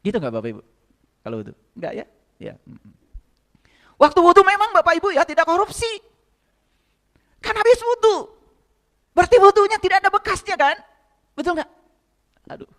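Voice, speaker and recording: A man's voice: very high voice, moderate pace, pauses often, fairly bright tone. Guy preaching, keeps firing questions at the crowd, big hall echo. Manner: rhetorical questions to the audience. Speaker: spiritual teacher. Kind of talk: sermon to a congregation. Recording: long hall reverb.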